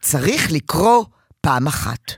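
Animated woman giving parenting advice. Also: low voice, slightly rough, no echo, clean studio sound. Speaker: parenting counselor. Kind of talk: advice session.

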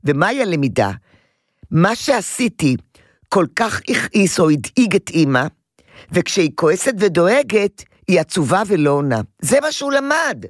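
Animated woman giving parenting advice. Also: on the low side, dry recording, clean studio sound. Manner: emphatic, animated, repeats key phrases. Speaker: parenting counselor.

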